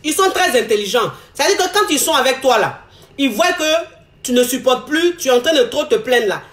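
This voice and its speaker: High-voiced woman giving frank, repetitive advice. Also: fairly quick, reverberant. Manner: expressive, repeats phrases, acts out quoted lines. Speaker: advice speaker. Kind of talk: frank relationship advice monologue.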